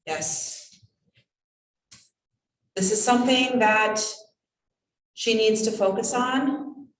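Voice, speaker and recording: A woman acting as a seance medium in trance, voicing a cryptic, whimsical spirit guide in halting, measured phrases. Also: on the high side, fairly even intonation, slight background noise. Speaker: channeling medium. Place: indoors, draped room. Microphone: distant camera microphone. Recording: roomy echo, distant microphone.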